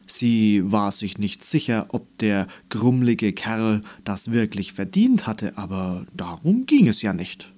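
Male narrator, storybook reading, slow and husky, lively pitch.

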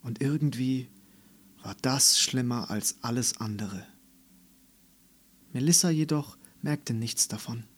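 A man reading a children's story aloud as narrator, in a calm, measured manner. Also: medium pitch, breathy edge.

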